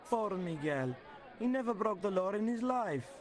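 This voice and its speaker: A man's voice: sits high, lively intonation, moderate pace, some chatter behind. A man playing a fearful, superstitious local in a video game. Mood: mournful. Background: music clearly behind the voice.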